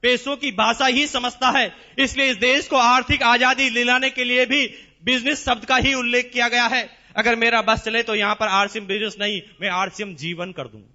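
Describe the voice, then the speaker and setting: A man speaking as a motivational business seminar speaker in a large hall, emphatic and repetitive, with rhetorical questions and drawn-out stresses. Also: very high-pitched, fairly even intonation, pushed and bright, dull audio.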